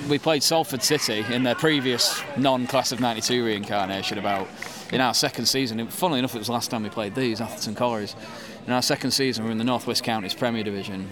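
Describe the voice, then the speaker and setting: A man in his thirties with a Manchester accent, chatting casually in an interview with lots of ums and restarts. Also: fairly low pitch. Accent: Mancunian. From England. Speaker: football fan interviewee. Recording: crowd noise behind.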